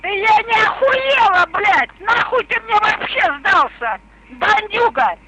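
A woman's voice: extremely high pitch, lively intonation, slow, a loud crowd. An elderly woman arguing on the phone in a suspicious, combative, foul-mouthed manner. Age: older, elderly. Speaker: prank call victim. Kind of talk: argumentative phone talk. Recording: phone call with faint noise.

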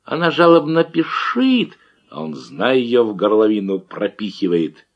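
A man's voice: fairly low pitch, big pitch swings, unhurried, dull audio. A man voicing a boastful, wily old Cossack cook who talks in folksy dialect, in an audiobook. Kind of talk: audiobook character reading.

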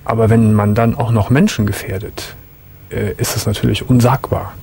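A man hosting a late-night radio call-in show, asking gentle, reassuring questions in a calm way. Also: on the low side, normal speed, gravelly, husky.

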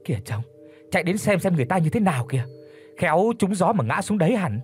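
A man's voice: high-pitched, very animated, fast talker, soft background music, voice pushed up. A man voicing an anxious young peasant wife in an audiobook, speaking in an urgent, fretful way. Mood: worried.

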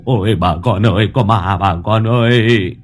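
A man's voice: deep voice, animated, normal speed, husky, soft background music, voice pushed down, exaggerated voice. A man doing a stammering, terrified old villager. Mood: panicked. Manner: stammering, pleading.

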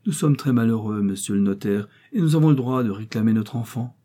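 A man's voice: medium pitch, animated, brisk, mellow, husky, voice pushed up. A man voicing a miserly old man over sixty who whines in a tearful, wheedling voice.

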